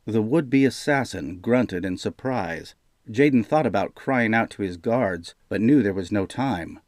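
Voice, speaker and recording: Here a low-voiced male narrator delivers scripted audiobook narration as steady, measured storytelling. The recording is dry with clean studio sound.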